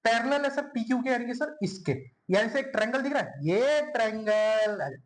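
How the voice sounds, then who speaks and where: Young guy, highish voice, chatty math teacher at a whiteboard, bit of faint background hiss. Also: lively intonation, moderate pace. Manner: chatty, addresses students as bhai and yaar, repeats words while drawing. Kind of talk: casual board-exam math lesson.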